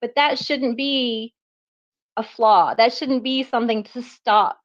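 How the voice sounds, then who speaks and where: A woman chatting as a guest artist on a live online audio show, animated and self-deprecating, laughing often and a bit out of breath. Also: a little high, slow pace, lo-fi sound. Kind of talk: casual chat on a live audio space.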